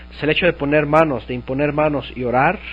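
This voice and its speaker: A man's voice: a little high, fairly even intonation, fast, muffled recording, a little hiss or hum. A man teaching a Bible study, explaining scripture and asking his listeners questions.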